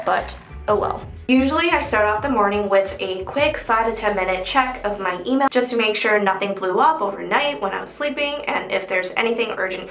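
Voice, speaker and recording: A woman's voice: fairly high pitch, fairly bright tone. A young woman narrating a casual vlog voiceover with wry, self-mocking humor. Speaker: vlogger and consultant. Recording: roomy, echoey sound. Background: faint background music.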